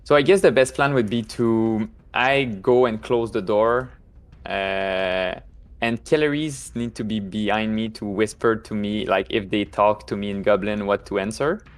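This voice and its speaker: A man's voice: on the low side, a little slow, clear, resonant tone. A man chatting casually as a player in a tabletop roleplaying game, with non-native English phrasing.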